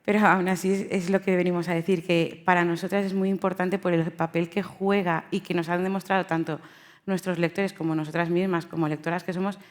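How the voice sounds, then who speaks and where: A woman's voice: fairly low pitch, flat delivery, a little fast. A woman bookseller speaking on a panel, hesitant, with many fillers and restarts. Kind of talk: panel talk. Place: event hall.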